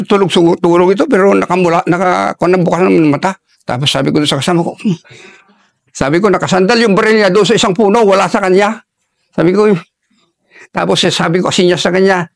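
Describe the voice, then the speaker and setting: High-pitched gravelly older man. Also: no echo, studio quality. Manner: halting, restarts often while recalling combat. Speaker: army veteran guest. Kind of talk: war story told in an interview.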